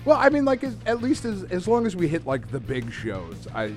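A man's voice: high-pitched, huge pitch swings, normal speed, darkish tone, soft background music. A man hosting a podcast in casual chat, talking like an enthusiastic fan who swears freely. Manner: profane, enthusiastic fan talk. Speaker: podcast host.

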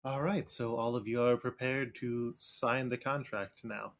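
A man runs a tabletop game as its game master, narrating scenes and asking players for rolls. He talks in a relaxed, unhurried manner, dotted with fillers, at a middle pitch.

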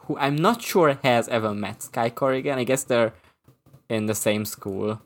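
Guy on a movie podcast, lots of uh and like, casual halting chat. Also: mid-range voice. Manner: halting, full of fillers and restarts. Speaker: podcast co-host.

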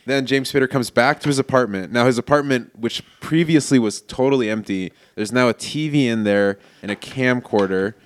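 A man's voice: mid-range voice, brisk, hardly any pauses. A man co-hosting a chat, retelling a movie plot in a loose, slangy, profane way. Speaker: podcast co-host. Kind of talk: casual film plot retelling.

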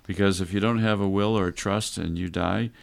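Addressing listeners head-on, a radio advice host gives instructive, conversational guidance in a low, creaky voice that's a little fast and fairly even in intonation. There's slight background noise.

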